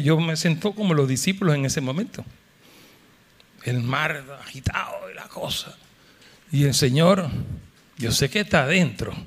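A male pastor preaching a sermon at a church service, calling out to the congregation and acting out the voices of people in the story. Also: on the high side. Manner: impassioned, calls out to the congregation.

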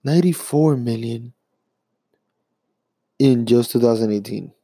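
A young man rambling through a profane, casual sports rant as a vlogger, jumping between fast bursts and drawn-out phrases. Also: mid-range voice, mellow, no echo.

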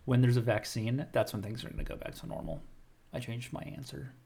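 A man co-hosting a casual podcast chat, giving measured, thoughtful answers. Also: medium pitch, vocal fry, warm tone, breathy edge. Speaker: podcast co-host.

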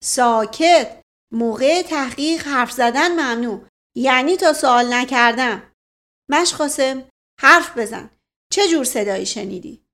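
A woman's voice: a little high, lightly acted. A woman voicing a bossy middle-aged male police officer who fires off impatient questions, in a storybook reading. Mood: barking.

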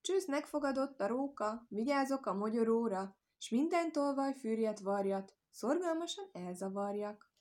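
A woman voicing a clever, quick-witted little male hare in a storybook tale, talking in a lively, playful way. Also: fairly high pitch, close to an everyday voice. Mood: playful sly.

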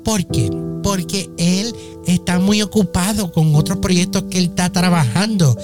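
High-voiced Puerto Rican radio joker. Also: male voice, unhurried. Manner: animated, mock-dramatic, gossipy. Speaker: radio show host. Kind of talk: comedic radio banter. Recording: music playing behind the voice. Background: music.

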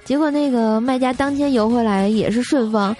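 A woman's voice: on the high side, moderate pace, darkish tone, soft background music. A young woman from Tianjin, China, hosting a comedy show and telling funny stories in a chatty, giggly way. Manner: chatty, giggly, piles on filler words. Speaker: comedy radio host. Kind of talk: comic storytelling.

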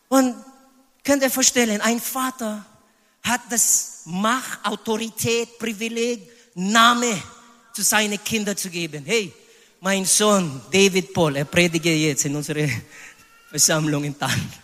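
A man in his fifties from the Philippines with a Filipino accent, preaching a sermon with emphatic, high exclamations. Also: sharp tone, big-room sound. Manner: emphatic preaching, sudden high exclamations, sprinkles English phrases. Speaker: pastor.

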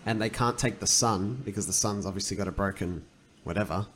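A man's voice: fairly low pitch, brisk, fairly bright tone, slight background noise. A man co-hosting a podcast, thinking aloud and retelling stories in a loose, rambling way. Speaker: podcast co-host. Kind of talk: casual podcast chat.

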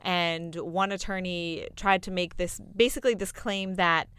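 A woman's voice: fairly low pitch, fairly even intonation, a little slow, fairly bright tone, clear, resonant tone, dry recording. A woman from Massachusetts, a family lawyer and podcast guest, talking in a confident, self-assured casual chat and laughing easily.

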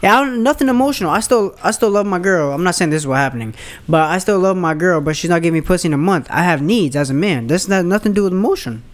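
A man's voice: high-pitched, expressive, fast. A man in his twenties co-hosting a podcast in casual chat, insistent and profane, who keeps restarting to press his point. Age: 20s. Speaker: podcast co-host.

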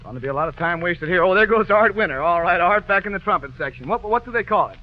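Radio host, man, high voice, jokey old-time quiz patter, muffled lo-fi broadcast sound. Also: expressive, fast, faint music behind. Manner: jokey, bantering with the band.

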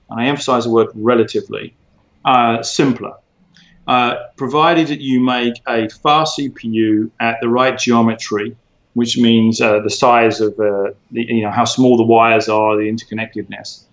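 A man's voice: medium pitch, fairly even intonation. Man explaining in a roomy, dull recording. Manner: measured, explanatory, many fillers and restarts. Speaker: interview guest, former tech executive. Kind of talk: conversational interview.

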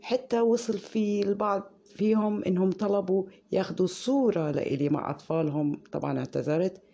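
Husky Levantine woman telling a story. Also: mid-range voice, a little fast, warm tone, muffled recording. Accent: Levantine Arabic. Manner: indignant, sarcastic retelling. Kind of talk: personal storytelling.

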